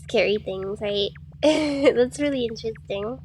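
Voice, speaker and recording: A woman's voice: on the high side, measured pace, darkish tone, slight background noise. A young adult woman streaming a game as a VTuber, chatting casually, swearing freely and breaking into giggles. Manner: giggly, breaks into fits of laughter. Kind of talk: casual live-stream gameplay chat.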